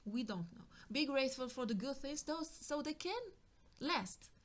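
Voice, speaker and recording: A woman's voice: high voice, expressive, normal speed. A woman giving a spiritual tarot reading, musing and repeating herself, now and then dropping into a whisper. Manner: musing, repetitive, drops into whispers. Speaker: tarot card reader.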